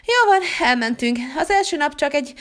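A woman's voice: sits high, sing-song, a bit bright, pitched above the performer's own voice. A woman voicing a caring mother in a toy-figure story, fussy and admonishing. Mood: fussing.

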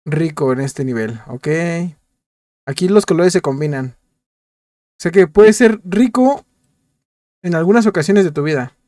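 A man with a fairly high voice gives playful, chatty commentary as he plays, often repeating short words in quick bursts. He addresses his viewers directly and jokes along the way. The sound is dry and close, with no room around it. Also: warm tone, no room sound. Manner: chatty, jokey, talks to viewers while playing. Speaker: gameplay youtuber. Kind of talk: casual game commentary.

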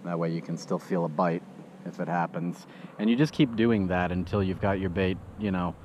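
A man's voice: low voice, normal speed, darkish tone. A man hosting his fishing channel, talking casually outdoors by a lake while he fishes, rambling with lots of "uh" and restarts. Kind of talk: casual first-person fishing commentary. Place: outdoors at a windy lake shore. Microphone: head-mounted action camera. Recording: dull lo-fi action camera audio with wind noise.

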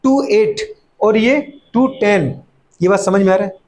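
Lecturing chemistry, a man speaks in a high-pitched voice with a darkish tone, in rapid bursts full of his own repeated catchphrases. He tosses out questions, teases those who answer wrongly with playful scolding, and frequently voices their replies in a mock student voice.

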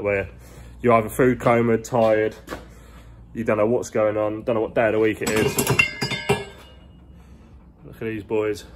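A man in his twenties who vlogs about cars talks casually as he walks through a spacious indoor garage workshop, phone held at arm's length. He has a fairly low voice and a chatty, slang-heavy, meandering manner, with slight background noise in the recording.

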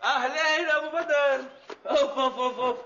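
A man's voice: very high-pitched, steady tone, fast, bright, forceful tone, reverberant, exaggerated voice. An actor with a Damascene accent playing a teasing neighbourhood man in a TV drama. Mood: mocking. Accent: Damascene Arabic. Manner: mocking and jokey. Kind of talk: TV series acting. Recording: distant voice over music, dull TV audio.

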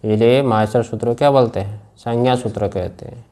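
A man teaching Sanskrit grammar to a class. He speaks slowly, repeats key phrases and keeps asking his students whether they follow. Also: medium pitch, warm tone. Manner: slow and repetitive, drills phrases and checks understanding. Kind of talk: classroom lecture with questions to students.

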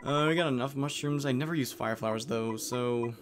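A man hosts a let's play, giving casual video game commentary with jokey, self-deprecating asides. His mid-range voice is brisk, with video game music behind him and a little hiss or hum.

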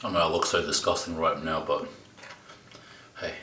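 A man with a very low voice talks while chewing, his words a bit muffled by food. His tone is bright and relaxed as he makes self-deprecating asides. He sits back from the mic in a roomy, echoing space. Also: normal speed, slight background noise. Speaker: mukbang vlogger. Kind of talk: casual talk to camera while eating. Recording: echoey room, mic at a distance.

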